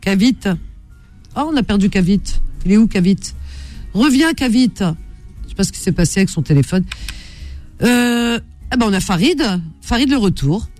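A woman's voice: medium pitch, expressive, normal speed, a little mellow, faint music behind. A woman hosting a late-night radio call-in show, chatty and full of fillers. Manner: chatty, filler-heavy, lots of hein and euh.

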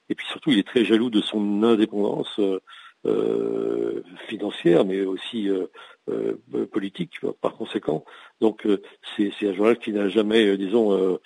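A journalist and editorialist answering questions in a radio news interview, speaking haltingly with many hesitations and restarts. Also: male voice, fairly low pitch, vocal fry, darkish tone, husky, no echo, rough recording.

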